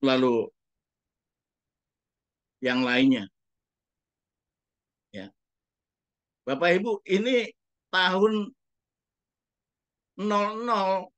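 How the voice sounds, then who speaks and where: A man's voice: sits high, very slow, long pauses, fairly bright tone, dry recording. Emphatic man preaching a sermon. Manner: emphatic preaching, addresses congregation directly, rhetorical questions. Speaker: pastor.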